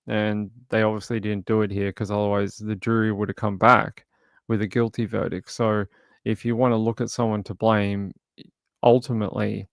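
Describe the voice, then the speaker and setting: Reading chat during a casual livestream, a man discusses a true crime case, stopping and restarting often and filling gaps with "uh." His voice is low, gravelly and crackly, captured in a close, dry recording without any room around it.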